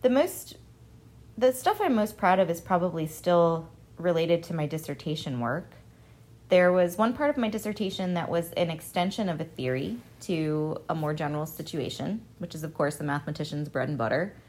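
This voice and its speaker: A woman math professor with a low-sitting voice chats casually at a moderate pace as a guest on a radio interview in a studio. She's an animated storyteller who acts out the exchanges she quotes.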